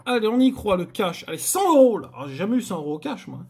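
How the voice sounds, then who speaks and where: A man hosting a scratch-card video chats theatrically to his audience as he scratches, groaning frequently. His voice sits high, is very animated and a little mellow, with a breathy edge and a quick pace.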